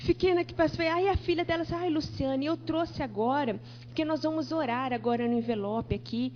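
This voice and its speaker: High-voiced woman preaching a lively testimony. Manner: animated storytelling, acting out dialogue. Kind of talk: testimony sermon. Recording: dull church TV recording with faint hum.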